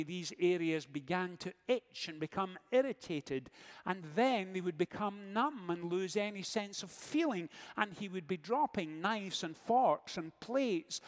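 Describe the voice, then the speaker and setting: A man preaching a sermon as pastor, measured, with dramatic pauses and rhetorical questions. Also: high-pitched, lively intonation. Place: church sanctuary. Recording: long church reverb.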